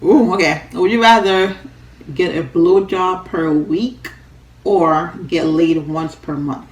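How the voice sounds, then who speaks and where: A woman's voice: lowish voice, takes it slowly. A young Jamaican woman chatting casually in a vlog, blunt and outspoken. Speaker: vlogger. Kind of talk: casual chat. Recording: roomy echo.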